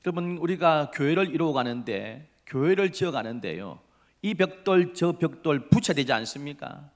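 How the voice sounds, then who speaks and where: Man preaching in church, really animated, goes loud then whispery, pitch all over. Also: normal speed. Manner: animated, swings from loud emphasis to hushed whispers. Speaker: pastor. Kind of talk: sermon. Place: church sanctuary.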